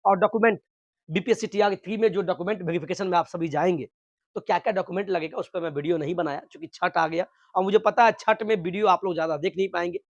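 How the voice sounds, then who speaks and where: A man's voice: high voice, fast talker, no echo, lo-fi sound. A man talking to teaching exam candidates, mixing news with earnest, repetitive motivational advice. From Bihar. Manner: earnest, exhorting, repeats phrases for emphasis.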